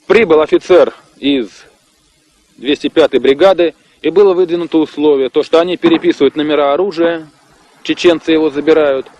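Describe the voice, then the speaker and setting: A man's voice: a little high, brisk, darkish tone, no room sound, rough recording. A man, speaking as a former military officer, recalls combat in a plain, matter-of-fact way. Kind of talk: interview recollection of combat.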